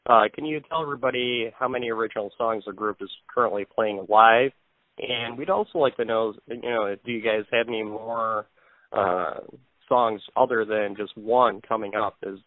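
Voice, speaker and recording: A man's voice: lowish voice, normal speed, no echo. A man interviewing for a magazine, asking loose questions with fillers over a phone line. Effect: heard over a phone line. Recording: tinny dry phone line.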